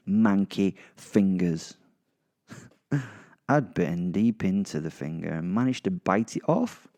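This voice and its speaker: A man with a darkish, lowish voice narrates a horror comedy audio drama in the first person, staying in character. He tells the grim, funny story with gleeful, sardonic delight and plenty of swearing.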